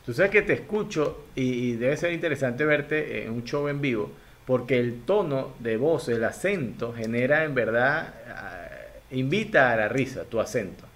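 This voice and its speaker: A man's voice: mid-range voice, animated, moderate pace, fairly bright tone. Brief: male host, friendly and encouraging, casual questions. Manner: encouraging, asks questions and affirms. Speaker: interviewer.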